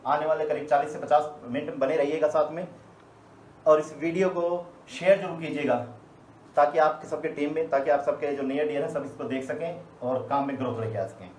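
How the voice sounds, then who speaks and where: A man's voice: a little high, fairly even intonation, brisk, darkish tone, a little hiss or hum. Emphatic man giving a live training talk. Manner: storytelling, rhetorical questions, emphatic. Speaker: team trainer. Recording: echoey room, faint ambience.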